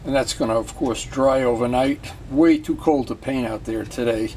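A man's voice: medium pitch, normal speed, a little mellow, slight background noise. A man chatting casually through a motorcycle DIY project in his garage, rambling with jokey asides. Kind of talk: casual workshop vlog.

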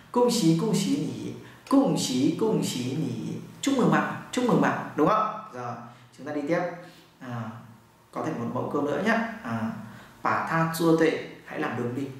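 A man teaching a language lesson, saying each phrase slowly several times before explaining it with everyday examples. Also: mid-range voice, fairly bright tone. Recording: echoey room, far from the mic.

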